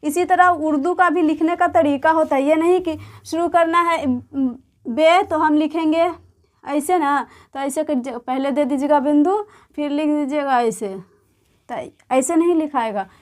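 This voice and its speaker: Slow, high-voiced woman teaching letters. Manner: patient, repeats words and letter names slowly. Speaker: Urdu teacher. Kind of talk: slow explanatory lesson.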